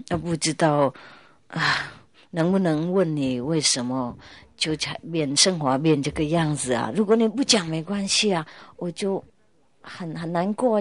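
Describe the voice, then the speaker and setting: A woman voicing a kind old woman who gently consoles a beggar in a spoken story. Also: low-pitched, unhurried, dry recording. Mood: consoling.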